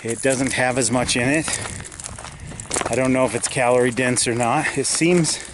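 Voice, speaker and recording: A man's voice: medium pitch, fairly even intonation, normal speed, noisy background. A man chatting to the viewer as he hikes a mountain trail, a little out of breath, recorded on his camera outdoors. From Utah, USA. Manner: chatty, talks to the viewer while hiking. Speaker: outdoor vlogger. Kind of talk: casual hiking vlog.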